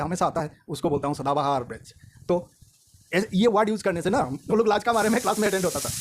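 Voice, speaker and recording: A man teaching accountancy, talking to his students in a lively, preaching way and telling a joke. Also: a little high, slight background noise. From India. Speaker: accountancy tutor. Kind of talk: lecture and chat to students.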